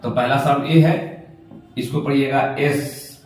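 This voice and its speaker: A man's voice: mid-range voice, fairly even intonation, unhurried, recorded from a distance, soft background music. A man teaching an English class, repeating words and asking the class questions as he drills them. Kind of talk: classroom lesson. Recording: very echoey room, voice from afar.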